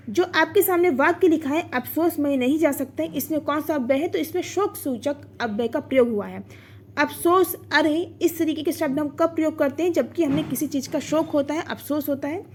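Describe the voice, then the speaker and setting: High-voiced woman teaching grammar. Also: a little fast. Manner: explanatory, asks and answers own questions; sounds out vowels and syllables. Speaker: exam prep teacher. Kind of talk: online Hindi grammar lesson.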